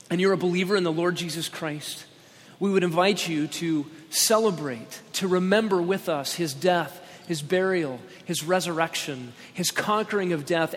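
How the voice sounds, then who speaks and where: Male pastor at a pulpit microphone, slightly high voice, emphatic sermon delivery, long church reverb. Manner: emphatic, slowing down on key words.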